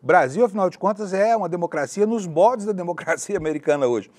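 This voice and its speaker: A man's voice: high-pitched, expressive, quick pace, darkish tone. A man giving opinionated news commentary from a studio, indignant and sarcastic in a conversational way. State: hoarse after a long broadcast.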